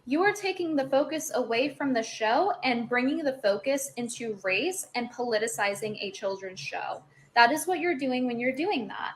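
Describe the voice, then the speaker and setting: A woman's voice: sits high, fairly bright tone. A woman doing a comedic social media rant as an exasperated woman angry about a kids' cartoon remake, lecturing and emphatic.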